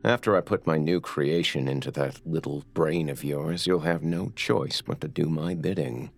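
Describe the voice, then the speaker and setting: An actor playing a creepy, obsessive male captor who gloats slowly and menacingly over his prisoner in a horror audio drama. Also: very deep voice, heavily acted. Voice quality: gravelly.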